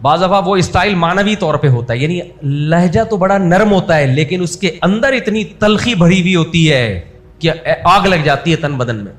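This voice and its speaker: Male preacher, conversational and witty, voice on the higher side. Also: animated. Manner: humorous, mixes in everyday English words; acts out scolding voices to make a point. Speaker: Islamic preacher. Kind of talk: conversational sermon.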